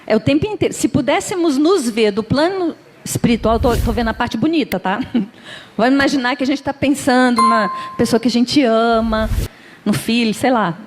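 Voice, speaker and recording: A woman's voice: fairly high pitch, normal speed. A middle-aged woman with a Brazilian Portuguese accent gives an informal religious lecture, chatty and conversational, laughing often and acting out little everyday dialogues. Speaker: guest speaker at a Spiritist center. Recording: lecture hall with long reverb.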